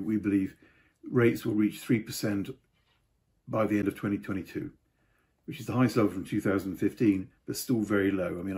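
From his home study, an older man comments on the property market in a casual update to camera, with offhand asides along the way. His voice is fairly low and a little mellow.

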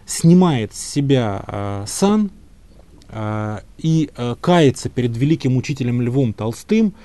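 A man's voice: mid-range voice, creaky, warm tone. A man being interviewed as a history expert, answering at length in a thoughtful, hedging way with frequent filler sounds. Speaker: historian guest.

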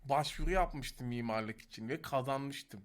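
A man in his twenties with a medium-pitched voice reacts casually to a video at an unhurried pace. He's animated and jokey, swearing often.

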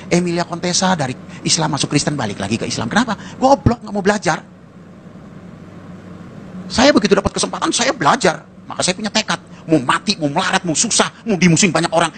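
A man preaching a sermon to a congregation as pastor, in an animated, colloquial way with mocking asides. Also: high voice, slight background noise.

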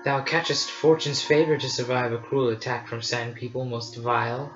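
A man voicing a wise, gentle old hermit knight in measured verse. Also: medium pitch, flat delivery, natural voice. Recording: roomy, slightly dull, faint music.

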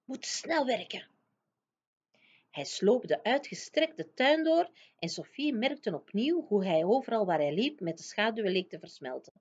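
A woman teacher reading a children's book aloud in a lively storytelling manner. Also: mid-range voice, moderate pace, slightly rough. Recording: dull lo-fi recording.

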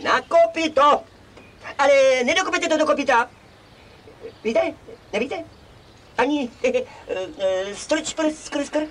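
A squeaky, giggly prankster on the phone. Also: male voice, long pauses, fairly bright tone, recorded from a distance, a little hiss or hum. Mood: teasing. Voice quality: high-pitched, giggly, stammering. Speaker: caller on the phone.

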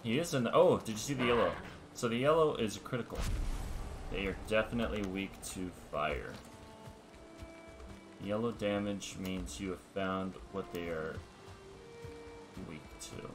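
A man hosting a let's-play, explaining game mechanics step by step in a relaxed, casual way. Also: lowish voice, measured pace, long pauses. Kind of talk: casual gameplay commentary. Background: background music.

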